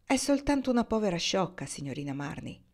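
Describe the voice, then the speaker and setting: A woman reading aloud voices a gentle, polite young man who speaks quietly and mildly. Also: medium pitch, big pitch swings, fairly quick. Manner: quiet, mild, soft-spoken.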